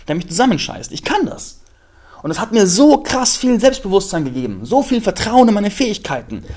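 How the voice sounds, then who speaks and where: Podcast host, male, slightly high voice; candid, emphatic monologue with casual swearing. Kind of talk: personal storytelling monologue.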